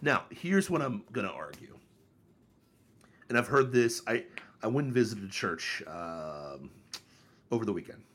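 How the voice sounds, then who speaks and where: Animated husky-voiced man ranting. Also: a little slow, long pauses. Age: 30s. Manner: animated, mocking, mimics others in high voices. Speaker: podcast co-host. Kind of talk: casual opinion chat.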